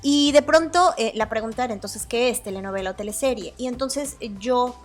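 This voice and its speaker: A woman's voice: a little high, a little fast, faint music behind. A woman with a Mexican Spanish accent hosting a solo podcast, talking in a chatty, hedging way and often correcting herself. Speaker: podcast host. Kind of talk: casual solo podcast commentary.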